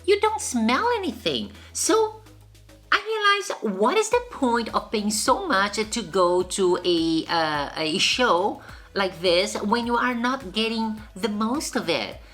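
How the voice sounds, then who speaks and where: A woman vlogger giving a casual spoken review in a halting way, often circling back to rephrase. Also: mid-range voice, animated, fairly bright tone, faint music behind. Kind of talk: casual chat, reviewing while eating.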